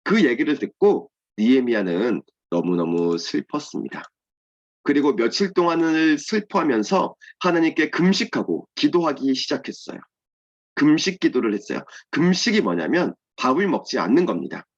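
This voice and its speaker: Man, children's sermon, lively intonation, simple question-and-answer teaching, dull sound. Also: mid-range voice, moderate pace. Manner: simple, explanatory, asks and answers own questions. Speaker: children's ministry pastor.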